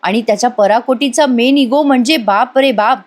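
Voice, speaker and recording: A woman's voice: a little high, moderate pace, natural voice. A woman voicing an upset young woman who argues with her father, in a retold TV serial. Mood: pleading. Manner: pleading, indignant.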